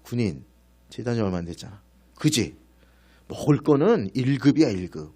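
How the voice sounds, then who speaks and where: A male pastor preaching in church, telling a personal story in an animated way and turning now and then to speak directly to members of the congregation. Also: mid-range voice, normal speed, slightly rough.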